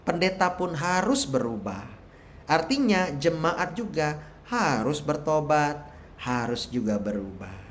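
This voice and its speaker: A man preaching a sermon at a church service, slow and humorous, leading into prayer. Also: medium pitch, a little hiss or hum. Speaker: pastor. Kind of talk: sermon with prayer and worship singing.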